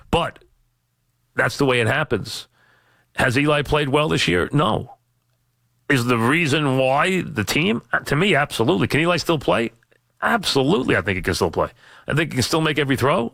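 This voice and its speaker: A man's voice: mid-range voice, vocal fry, fairly bright tone, dry recording. A man hosting sports talk radio on a studio mic, opinionated and emphatic, often answering his own questions. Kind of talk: radio commentary and taking calls. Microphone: studio radio microphone.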